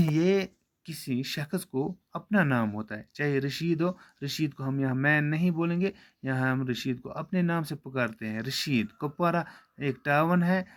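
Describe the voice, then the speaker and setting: A man teaching young pupils, explaining points slowly and repeating them patiently. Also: on the high side. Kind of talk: classroom lesson for children.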